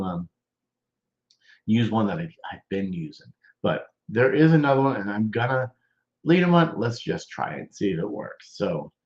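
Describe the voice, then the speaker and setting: A male host hosts a live show in a congested voice, with a fairly low pitch and a halting, stop-start delivery. The sound is dull and lo-fi.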